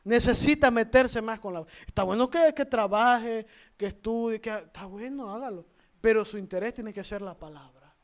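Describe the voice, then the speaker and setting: A Salvadoran man preaching in a strikingly high voice. He fires questions at the congregation one after another, swinging from soft asides to loud emphasis. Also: moderate pace. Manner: lively, shifts between loud and soft. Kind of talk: sermon.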